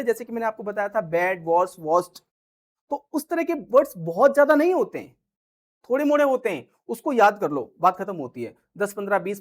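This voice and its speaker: Patient male grammar teacher. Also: very high voice. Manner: slow, drawn-out reading of English example sentences; explains patiently, with frequent check-ins to students. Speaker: English teacher. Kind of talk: grammar lesson in Hindi.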